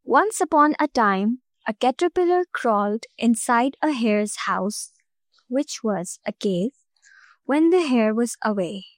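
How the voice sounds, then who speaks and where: Slow-reading woman storyteller. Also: on the high side, animated, dry recording.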